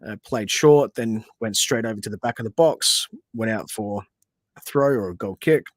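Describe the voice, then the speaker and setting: An Australian podcast host runs a casual livestream football watch-along, chatting, reading viewer questions and venting at players as he gives match commentary. His voice is on the low side at a normal speed, and the recording is dry.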